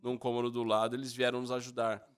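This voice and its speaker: A man's voice: medium pitch, completely flat delivery, fast, smooth. A man interpreting a sermon, telling a personal story and acting out the dialogue in it. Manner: storytelling, acts out dialogue with raised voice.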